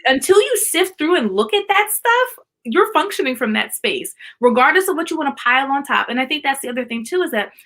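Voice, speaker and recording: A woman with a bright, fairly high voice talks as an art therapist guest on a live stream. She explains things earnestly and comes back to her key points for emphasis. She speaks over a video call. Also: very animated, a little fast. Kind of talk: casual interview chat.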